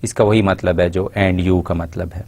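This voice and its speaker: Man, lecturer, fairly low voice, slow careful example phrases. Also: fairly even intonation, a little mellow. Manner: explains in Urdu, reads English example phrases slowly and carefully. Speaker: English language lecturer. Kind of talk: recorded university lecture.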